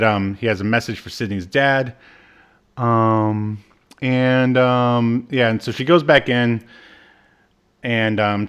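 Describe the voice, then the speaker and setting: With a smooth, fairly bright mid-range voice, a man co-hosting a podcast rambles through a casual recap of a TV episode. Ums and uhs pile up, and he voices characters as he quotes them.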